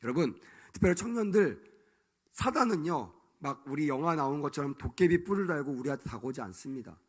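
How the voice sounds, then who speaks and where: A man's voice: a little high, lively intonation, quick pace, a little mellow. A male pastor preaching a sermon to young adults, emphatic, acting out quoted voices and calling for amens.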